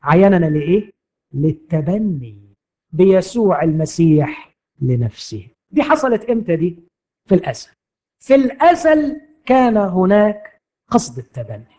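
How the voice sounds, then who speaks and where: Egyptian guy preaching, fiery then soft, high voice that jumps all over. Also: very animated, moderate pace, pauses often. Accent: Egyptian Arabic. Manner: impassioned, swings between loud and hushed. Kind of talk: sermon.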